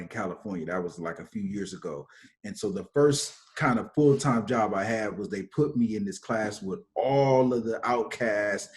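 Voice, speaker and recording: A male teacher on a video call panel, talking casually with lots of "like" and "you know". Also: on the low side. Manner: relaxed, many fillers like "like" and "you know".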